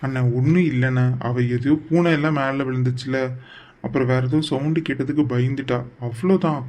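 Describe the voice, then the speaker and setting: A calm younger brother in a cartoon, voiced by a man, brushing off everyone's worries. His voice is dark and mellow, with a faint hiss behind it. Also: mid-range voice, fairly quick, natural voice. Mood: reassuring. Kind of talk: cartoon voice acting.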